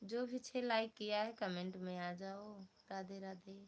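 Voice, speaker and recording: A woman's voice: mid-range voice, unhurried. A woman with an Awadhi accent chatting casually on a live stream from her phone at home, teasing viewers by name while she is feverish. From Uttar Pradesh, India. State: feverish, has a headache.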